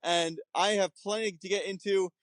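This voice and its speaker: A man's voice: high voice, fairly even intonation, moderate pace, a bit bright, no room sound. A man from the New Jersey area making a confident, playful debate argument about football. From New Jersey area, USA.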